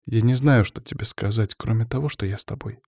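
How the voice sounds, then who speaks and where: A man reading an audiobook, voicing a caring, teasing woman who speaks softly and tenderly to her partner. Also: fairly low pitch, fairly quick, gravelly, no room sound, clean studio sound.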